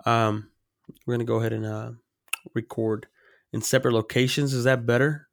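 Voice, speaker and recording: A man's voice: mid-range voice, little pitch movement, normal speed, gravelly, no room sound. A young man with a stuffy, congested voice hosts a podcast in a laid-back, joking way. He fills his talk with ums and uhs. His voice is recorded dry and close. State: congested from a cold. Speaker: podcast host. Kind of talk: casual podcast chat. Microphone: remote home recording.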